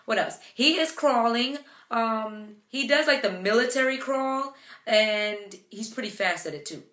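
A young mother talks to the camera in a loose, chatty way, full of "like" and "um", retelling little moments with animation. Her voice is bright and forward. The room around her gives a noticeable echo. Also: on the high side, lively intonation, a little slow. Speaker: vlogger, mother. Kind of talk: casual chat to camera. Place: home room with her baby beside her. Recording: echoey room.

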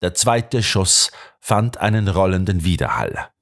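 A man narrating a detective audiobook in a dramatic, expressive storytelling manner. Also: sits low, unhurried.

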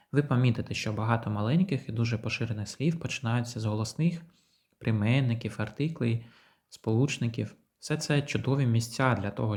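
A man teaching English pronunciation to beginners, explaining patiently and modelling English phrases slowly for repetition. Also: medium pitch, darkish tone. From Ukraine.

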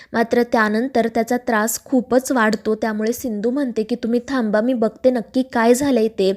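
Woman narrating a serial recap, slightly high. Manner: steady storytelling, reading quoted dialogue in the same voice.

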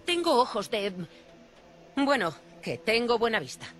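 A woman's voice: fairly high pitch, very animated, a little slow, fairly bright tone, slight background noise. An actress playing a suspicious, grumpy woman junk trader in a video game. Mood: grudging, wary. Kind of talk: scripted game dialogue.

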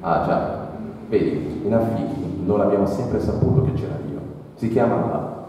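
A man's voice: lowish voice, moderate pace, mellow, a little hiss or hum, lightly acted. A man reading aloud as a grieving old African man, a humble former slave who speaks in broken, simple phrases, in a plain read-aloud voice. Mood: sorrowful. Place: library reading event. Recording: echoey hall, mic far off.

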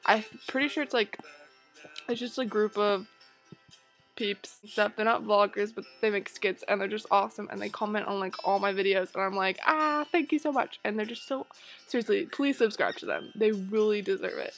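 A woman's voice: mid-range voice, steady tone, moderate pace, faint music behind, rough recording. A young woman vlogging in a hyper, rambling way, tired and easily sidetracked. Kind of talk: casual vlog chat.

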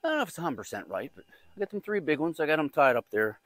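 A man's voice: a little high, very animated, rapid-fire, fairly bright tone, no echo. A man filming a casual gardening vlog outdoors in the woods and garden, chatty and rambling, poking fun at himself. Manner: chatty, rambling, self-deprecating. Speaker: gardening vlogger.

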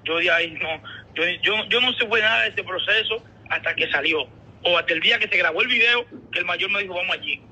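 The caller, a Dominican man, comes through a muffled, tinny speakerphone. His fairly quick, high voice is bright, forceful and slightly rough, and he fumbles through an explanation in casual conversation, repeating himself.

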